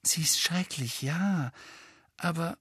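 A man with a husky voice reads a clever, earnest teenage schoolgirl in an audiobook, lifting his voice and pressing each point. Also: a little high, slow, bright, forceful tone, no echo, clean studio sound, pitched above the performer's own voice, exaggerated voice. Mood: insistent. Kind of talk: audiobook character voice.

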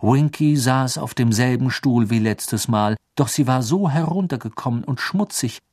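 A narrator reading an audiobook with lively storytelling. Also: mid-range voice, moderate pace, slightly rough.

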